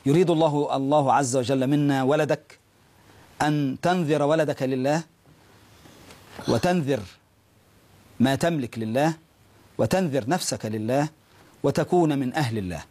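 A man hosting a Quran lesson, preaching fervently and repeating phrases for emphasis, with a husky voice. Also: medium pitch, moderate pace, pauses often, mellow, dry recording. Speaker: host of a Quran teaching program. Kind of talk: preaching exhortation.

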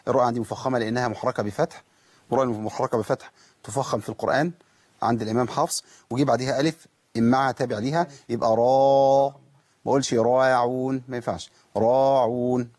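A man with an Egyptian accent hosting a live call-in Quran recitation lesson, stretching and repeating words slowly to show how they are pronounced. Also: medium pitch, slightly rough, no room sound. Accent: Egyptian Arabic.

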